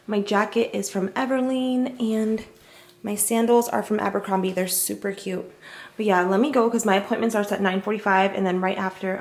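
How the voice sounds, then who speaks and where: A woman's voice: mid-range voice, vocal fry, a little mellow. A young woman chatting casually to viewers in a vlog, talking into a handheld camera while running errands. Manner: chatty, addresses viewers directly. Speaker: vlogger. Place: car and around town, indoors and out.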